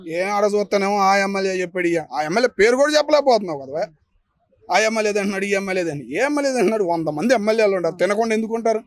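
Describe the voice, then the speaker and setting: A man with an Andhra Pradesh Telugu accent, giving his opinion in a street interview in an emphatic way, full of rhetorical questions. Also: sits high. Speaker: member of the public giving opinion.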